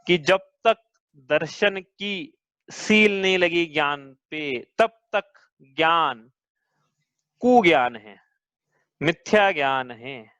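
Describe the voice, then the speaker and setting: A man's voice: on the high side, a bit bright, dry recording. A man teaching a religious class, explaining patiently and asking his students questions. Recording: dull lo-fi sound, dry.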